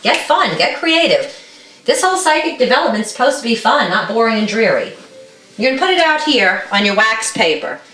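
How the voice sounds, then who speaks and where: A woman's voice: a little high, very animated, a little fast, fairly bright tone, roomy sound, far from the mic, a little hiss or hum. A woman co-hosting a show, chatting casually and encouragingly as she demonstrates a recipe in a home kitchen, often checking in with "okay?". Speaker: co-host.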